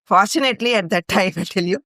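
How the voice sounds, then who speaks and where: A fast-talking podcast guest with a medium-pitched, bright, forceful voice earnestly recounts a long personal story in studio-quality audio with no echo. She is a middle-aged Indian woman from Bhopal with an Indian English accent, and a longtime ashram volunteer. She links events in long chains and leans on fillers.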